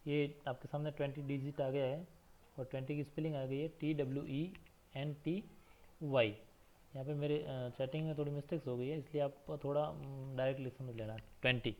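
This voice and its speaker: A man teaching a slow, repetitive counting lesson for children, spelling words letter by letter and asking questions that he answers himself. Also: mid-range voice. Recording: dull lo-fi recording.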